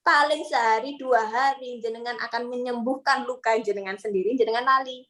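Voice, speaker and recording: A young woman giving a lively parenting seminar talk and acting out quoted parents and children. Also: fairly high pitch, brisk. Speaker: parenting speaker.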